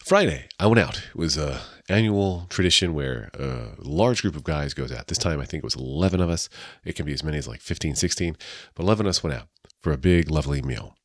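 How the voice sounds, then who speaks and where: Hoarse, very deep-voiced man talking. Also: expressive, fast, dry recording, clean studio sound. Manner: chatty, self-deprecating, with frequent asides. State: hoarse sick voice. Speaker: host of a daily personal show. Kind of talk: casual storytelling monologue.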